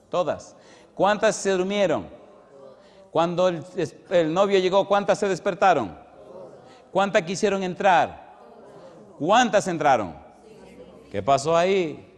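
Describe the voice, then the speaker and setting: A male pastor giving an animated sermon in a church, often throwing questions at the congregation. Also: high voice. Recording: long reverb in a large hall.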